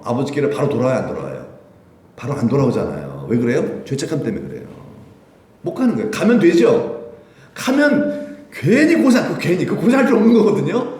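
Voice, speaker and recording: Man preaching, lively swooping intonation, rhetorical questions, frequent laughs, roomy church echo. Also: mid-range voice. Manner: lively, asks the congregation many rhetorical questions; laughs often while preaching. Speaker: pastor. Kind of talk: sermon. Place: church sanctuary. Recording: echoey church hall.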